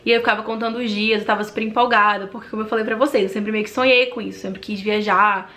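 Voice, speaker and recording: A woman's voice: mid-range voice, fast. A woman in her twenties from Manaus with a Brazilian accent, telling her life story in a talkative, friendly vlog. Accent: Brazilian Portuguese from Manaus. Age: 20s. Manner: talkative and animated. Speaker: vlogger.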